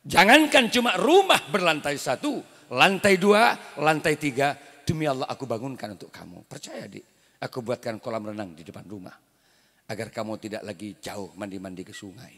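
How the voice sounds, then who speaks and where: A preacher playing a pleading husband. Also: male voice, mid-range voice, expressive, normal speed, a bit bright. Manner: coaxing, repeats "Dek" tenderly. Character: pleading husband sweet-talking his angry wife. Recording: reverberant hall sound system.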